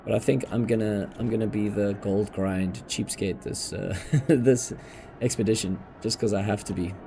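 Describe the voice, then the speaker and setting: A man's voice: lowish voice, steady tone, moderate pace, creaky, mellow, a little hiss or hum. A man streaming a game live, chatting casually with his viewers and calling them bro and dude. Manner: laid-back, says bro and dude, talks to chat. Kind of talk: casual live gaming chat. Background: game music.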